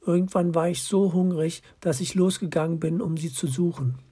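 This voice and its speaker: A man's voice: fairly high pitch, steady tone, moderate pace, husky, voice pushed up. Man doing a timid little hedgehog child. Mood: sad. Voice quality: soft, gentle voice. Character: small lonely hedgehog child, timid and gentle.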